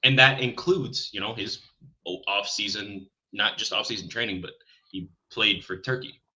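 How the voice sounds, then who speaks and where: A man co-hosting a casual sports podcast, talking in an animated way, with restarts and self-deprecating asides. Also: fairly low pitch, normal speed, slightly rough, low-quality recording. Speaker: podcast co-host.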